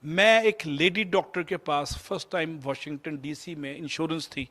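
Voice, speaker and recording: A man in his fifties from Pakistan with a Pakistani Urdu accent, telling a personal story in a motivational lecture and slipping English phrases into his Urdu. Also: on the high side. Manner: mixes English phrases into Urdu, shifts between loud and soft. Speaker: motivational speaker.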